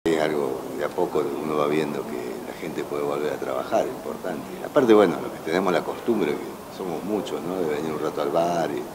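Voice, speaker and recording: Deep-voiced older man. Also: a little fast, few pauses. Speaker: café customer. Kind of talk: street interview. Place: indoors at a café table by the window. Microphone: reporter's handheld mic held close. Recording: noisy café background.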